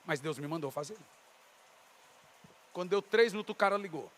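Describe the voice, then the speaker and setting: Brazilian male pastor, high bright voice, storytelling sermon with acted dialogue and shouted peaks. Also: lively intonation, normal speed. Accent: Brazilian Portuguese. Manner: storytelling, voicing God and others in dialogue, rising to shouts.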